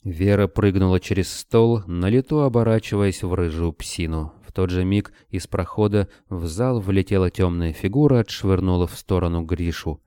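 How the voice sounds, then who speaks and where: A man narrating an audiobook in a steady, measured reading. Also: sits low, clear, resonant tone, dry recording, studio quality.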